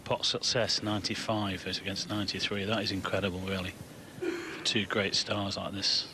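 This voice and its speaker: A man's voice: sits low, flat delivery, moderate pace. A man giving snooker commentary as a co-commentator, analysing the shots. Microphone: commentary microphone. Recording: noisy arena with crowd sound. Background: crowd and arena noise.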